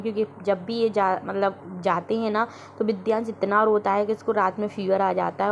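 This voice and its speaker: A woman's voice: mid-range voice, vocal fry, a little hiss or hum. Chatty woman narrating a family vlog. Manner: chatty, storytelling about family life. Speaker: family vlogger, mother.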